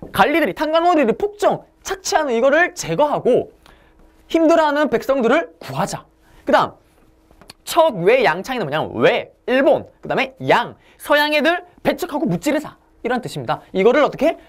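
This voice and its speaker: A woman giving an exam-prep history lecture, asking the class questions and answering them herself. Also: fairly high pitch.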